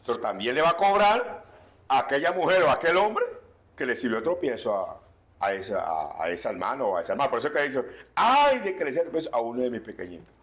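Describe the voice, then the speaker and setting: A man preaching a sermon as pastor, swinging between loud warnings and quiet asides. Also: medium pitch.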